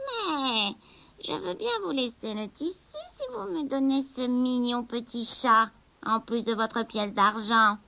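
A woman voicing a sly, mocking old witch selling cloth in a storybook, speaking slowly. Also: fairly high pitch, expressive, gravelly, sharp tone, heavily acted. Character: cackling sly old female witch peddler.

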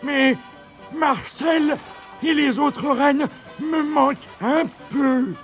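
A man voicing a jolly old Father Christmas in a storybook reading, speaking in high, drawn-out, gleeful exclamations. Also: a bit bright, soft background music, full character voice. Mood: wistful.

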